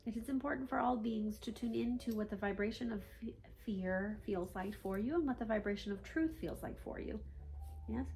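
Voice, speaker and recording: Spirit guide played by a woman, seance medium delivery: formal, instructive, measured authority, questioning tags, slight background noise. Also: medium pitch, a little mellow, natural voice. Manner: formal stilted phrasing, often ending statements with "yes?". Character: calm, authoritative male spirit guide teaching human seekers. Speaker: trance channeler.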